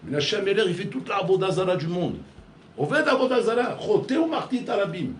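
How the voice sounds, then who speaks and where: A male rabbi delivers an animated sermon in a high-pitched voice, speaking fast and telling stories with acted-out dialogue, swinging between loud and hushed. The room is echoey, with faint ambience and slight background noise.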